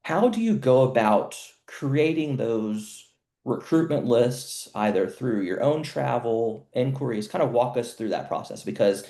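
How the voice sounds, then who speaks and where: Gravelly-voiced man hosting a webinar. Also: mid-range voice, animated, warm tone, roomy sound. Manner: measured, explanatory, some restarts. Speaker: webinar host and educational consultant. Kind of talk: moderating a webinar panel.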